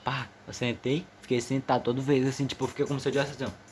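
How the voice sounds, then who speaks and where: A man's voice: mid-range voice, flat delivery, quick pace, darkish tone, slight background noise. Teenage boy, slightly nervous, slangy, rambling, casual storytelling. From Amazonas, northern Brazil. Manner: slangy, rambling, many restarts. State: a bit nervous. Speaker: vlogger.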